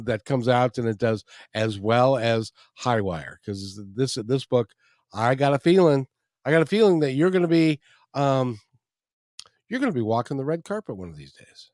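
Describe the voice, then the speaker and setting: A man's voice: medium pitch, lively intonation, unhurried, a little mellow, no echo. Chatty male talk show host, dry sound. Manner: friendly, chatty, repeats words. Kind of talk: casual interview and show outro.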